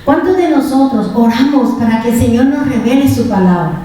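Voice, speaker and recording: Woman preacher, high mellow voice, impassioned pleading sermon, recorded far off in a very echoey church hall. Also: brisk. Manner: emotional, pleading, rhetorical questions to the congregation.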